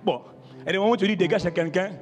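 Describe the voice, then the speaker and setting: A man's voice: high voice, racing, long reverb tail. A man preaching a sermon as pastor, emphatic and calling out to the congregation. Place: church.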